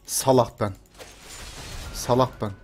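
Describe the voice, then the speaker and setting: A man's voice: mid-range voice, fairly even intonation, slow pace, a little mellow, soft background music. A young man streaming a video game, muttering and cursing to himself, then shrieking in panic when chased. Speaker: gameplay streamer. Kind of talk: live game commentary.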